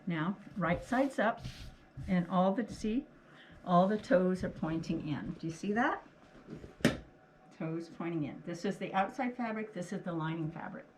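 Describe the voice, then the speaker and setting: Woman, slightly low voice, speaking through a face mask, casual craft tutorial host, talks while working, noisy recording. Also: a little slow. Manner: homely, talks along while working, often checks with "okay". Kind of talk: casual hands-on demonstration. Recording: clearly noisy, clicks of handling.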